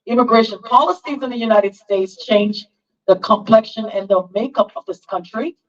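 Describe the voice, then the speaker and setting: A moderator at a community town hall speaking in a measured, earnest way. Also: mid-range voice. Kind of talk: reflective public speech. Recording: distant, dull lo-fi sound.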